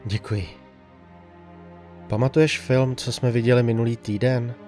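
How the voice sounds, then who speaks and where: A man's voice: mid-range voice, steady tone, lightly acted. A man playing a sedated, despairing patient strapped to a hospital bed, speaking in a subdued, weary, grave audio drama monologue with a dry throat. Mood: grimly resolved. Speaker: hospitalized man telling his story. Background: faint background music.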